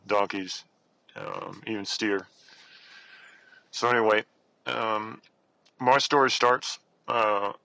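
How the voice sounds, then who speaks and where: Low-voiced man talking through clenched teeth. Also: sharp tone, poor audio. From Arizona, United States. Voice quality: clenched-teeth speech from a wired-shut jaw. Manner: halting, repeats words. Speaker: caller telling a personal story. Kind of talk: casual first-person storytelling.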